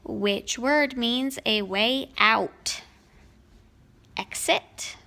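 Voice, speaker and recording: A woman's voice: on the high side, drawn-out words, vocal fry, pushed and bright. A woman teacher working through a grammar lesson at home, explaining each answer patiently.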